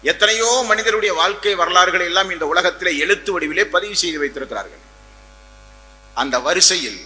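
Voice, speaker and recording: A man from Tamil Nadu, India, an Islamic preacher, delivers a passionate sermon full of repeated phrases and rhetorical questions. His voice is high-pitched, pushed and bright, and the recording carries a long hall reverb.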